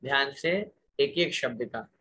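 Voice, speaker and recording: A man's voice: medium pitch, measured pace, sharp tone, slightly rough. A man teaching a scripture lesson, reciting a sutra word by word and asking the class to repeat each phrase aloud.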